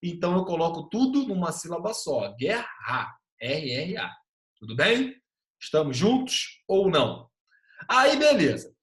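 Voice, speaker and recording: A man teaching an online class in a lively way, often checking in with quick tag questions. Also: a little high, roomy sound.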